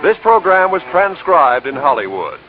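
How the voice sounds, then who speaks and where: A man's voice: on the high side, big pitch swings, normal speed. A man giving formal scripted announcements and credits, heard from an old broadcast disc transcription. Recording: tinny old radio disc with music behind.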